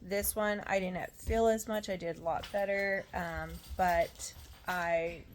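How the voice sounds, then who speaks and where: Casual female vlogger, lowish pitch, worn out while recovering from surgery, rambling and often trailing off. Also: fairly even intonation, slow pace, slight background noise. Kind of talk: casual chat.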